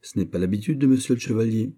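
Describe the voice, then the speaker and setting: A man's voice: lowish voice, fast, dark tone, breathy edge, pitched above the performer's own voice. A man reading as a frank, respectful young count. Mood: measured. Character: earnest young male count, frank courtier. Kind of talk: audiobook character reading.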